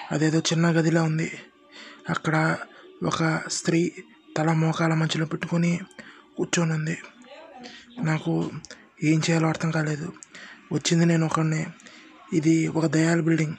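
Man, horror storyteller, first-person narration, steady and tense, flat monotone delivery, slightly high voice. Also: a little hiss or hum.

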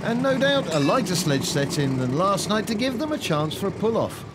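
High-pitched male tractor pull announcer over loud engines. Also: very animated, normal speed. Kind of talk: sports commentary in the manner of a tractor pull announcer. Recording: loud engine and vehicle noise behind.

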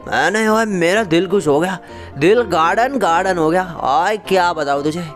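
A man's voice: high voice, moderate pace, faint music behind. A man putting on Jack, a brash, boastful cartoon cat. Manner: swaggering, bossy, shouts slangy threats. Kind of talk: cartoon voice over gameplay.

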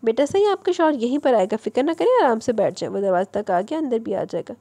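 A woman voicing an elderly, gentle male patriarch who speaks calmly and reassuringly in an audiobook reading. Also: a little high. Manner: soothing, reassuring.

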